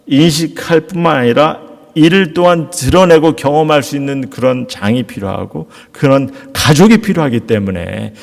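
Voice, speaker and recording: A middle-aged male pastor delivers a sermon in a lively, rising-and-falling voice with a gravelly edge. He talks earnestly and poses rhetorical questions to the congregation, and his voice trails off into a long reverb of a church hall. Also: fairly high pitch. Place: church sanctuary.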